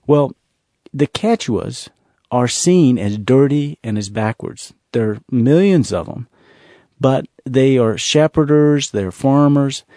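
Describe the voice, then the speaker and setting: A man telling a testimony from his mission travels, earnest and repetitive, slowing down to stress key words. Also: mid-range voice, lively intonation, mellow, no echo, studio quality. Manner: earnest, repetitive storytelling with slow emphasis. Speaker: ministry speaker telling a mission story. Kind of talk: storytelling testimony.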